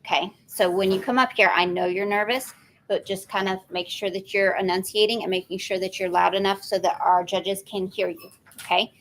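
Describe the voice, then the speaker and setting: A woman's voice: mid-range voice, steady tone, a little fast, a bit bright, a little hiss or hum, poor audio. A woman running a school spelling bee, giving firm, step-by-step instructions to students. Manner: firm, instructive, repeats rules. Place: school event room.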